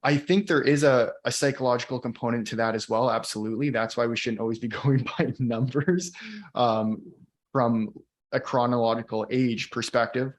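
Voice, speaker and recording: A man's voice: medium pitch, normal speed. Chatty man in his thirties. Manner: animated, chatty, laughs easily. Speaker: co-host. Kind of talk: casual conversation.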